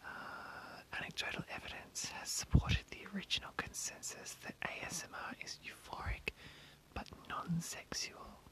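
An ASMR host speaking entirely in a breathy whisper, reading an article aloud and adding informal, rambling asides. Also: moderate pace, fairly bright tone, poor audio. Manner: informal, rambling, self-commenting.

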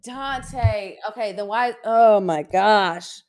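A woman's voice: mid-range voice, takes it slowly, a little mellow. A woman co-hosting a casual podcast in an informal, self-deprecating way, with trouble saying her R sounds. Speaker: podcast co-host.

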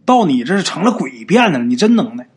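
A man's voice: high voice, sing-song, normal speed, husky, full character voice. A male storyteller voicing a doting middle-aged wife who stammers when unsure and snaps when her family is doubted. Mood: indignant.

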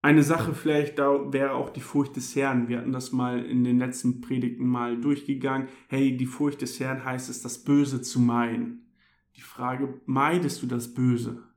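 A man's voice: medium pitch, little pitch movement, a little slow, echoey room. A young man with a German accent giving a casual youth sermon, talking to listeners directly and often calling out "hey". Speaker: youth pastor.

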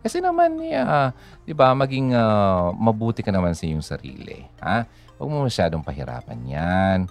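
A man with a low voice hosting a casual radio talk. His pitch rises and falls a lot as he chats. He fills the gaps with "ah" and checks in with quick tags, and faint music plays behind him. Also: wildly swooping pitch, gravelly. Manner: chatty, code-switching, many fillers and "ha?" tags. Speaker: radio host.

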